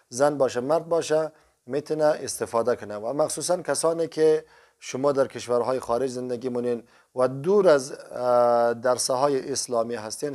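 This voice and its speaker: A man with an Afghan Dari accent giving a recorded online Quran reading lesson. He talks informally, repeats himself, and drills syllables slowly and loudly. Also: medium pitch. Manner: slow, loud syllable drills.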